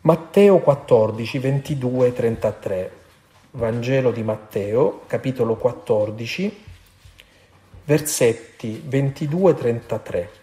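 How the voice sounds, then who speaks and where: A man giving an earnest sermon, reading from the Gospel and explaining it with emphatic pauses. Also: medium pitch, mellow. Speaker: preacher.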